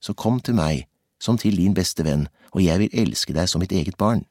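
A man's voice: low-pitched, expressive, darkish tone, slightly rough, no echo, clean studio sound. A man reading a pious, falsely caring male headmaster who preaches in a soothing, coaxing way.

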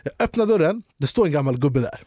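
A young man spins a comic story on his podcast, his high voice leaping around as he plays out every line of dialogue. The sound is dry and close to the mic, with no room sound. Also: slightly rough, dry recording. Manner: animated, acts out dialogue with quick voice jumps. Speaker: podcast co-host. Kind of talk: comedic storytelling.

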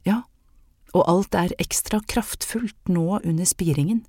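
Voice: medium pitch, mellow, no echo, studio quality, voice pushed up, natural voice. A narrator voicing Anne, an anxious young maid with a secret healing gift, speaking earnestly and hesitantly in an audiobook. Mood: confiding. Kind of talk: audiobook character reading.

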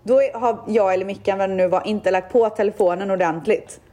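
Chatty young woman telling a story. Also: medium pitch. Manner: chatty, animated retelling with quoted voices. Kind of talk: casual chat, storytelling.

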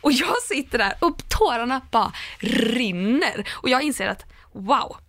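A woman co-hosting a podcast, chatting casually and telling an animated story, swearing freely. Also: a little high, no room sound. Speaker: podcast co-host. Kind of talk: casual chat.

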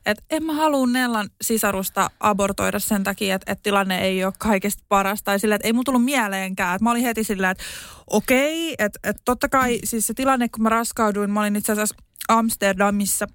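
A woman's voice: mid-range voice, a bit bright, clean tone, no room sound, clean studio sound. A young woman co-hosting a podcast, chatting casually and retelling a story with lots of fillers. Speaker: podcast co-host. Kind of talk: casual chat.

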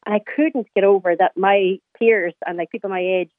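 A woman's voice: mid-range voice, fairly even intonation, moderate pace, no echo. A woman in her late thirties with a Donegal Irish accent, chatting informally and reminiscing as a caller to a radio show. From County Donegal, Ireland. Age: late 30s. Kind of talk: personal reminiscence in casual conversation. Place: phone call to a radio show. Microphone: telephone. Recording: tinny phone line.

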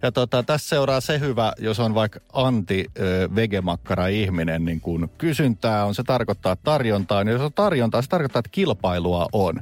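A man's voice: lowish voice, lively intonation, few pauses. A man co-hosting a radio show, chatting playfully in casual banter. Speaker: radio co-host.

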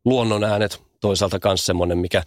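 A man's voice: on the low side, fairly even intonation, no room sound, studio quality. A man speaking as a guest, explaining how sound affects people in a thoughtful conversational way, often repeating small words as he thinks.

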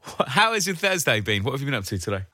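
Very bright, punchy male radio host. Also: medium pitch, big pitch swings, fast, no echo. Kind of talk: upbeat radio phone-in presenting. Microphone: close, dry studio microphone.

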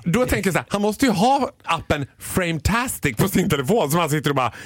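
Animated man telling funny radio stories. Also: a little high, no room sound, studio quality. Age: 30s. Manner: animated storyteller, acts out dialogue. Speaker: radio show regular. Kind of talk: casual radio banter.

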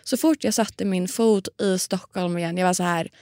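A young woman co-hosting a casual podcast chat, relaxed and chatty, her voice a little hoarse. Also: fairly low pitch, dry recording, studio quality. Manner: relaxed, chatty, frequent filler words. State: slightly hoarse voice. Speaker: podcast co-host.

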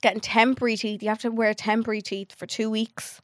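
A woman's voice: a little high, flat delivery, fast, dry recording, studio quality. A young Irish woman co-hosting a podcast, talking in a chatty, gossipy way with a slight lisp. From Ireland. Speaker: podcast co-host. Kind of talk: casual chat.

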